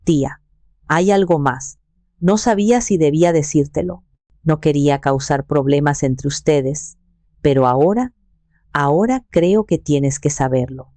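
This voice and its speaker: A woman voicing a young woman in her twenties, a lively and urgent niece in a storybook narration. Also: on the low side, measured pace, no room sound. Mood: hesitant. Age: 20s.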